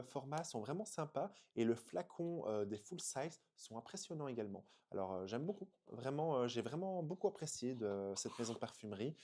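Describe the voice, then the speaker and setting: A man's voice: medium pitch, a little mellow. Gushing French man reviewing perfumes. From France. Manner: gushing, exclamatory, frequent hesitations. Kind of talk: enthusiastic unboxing review.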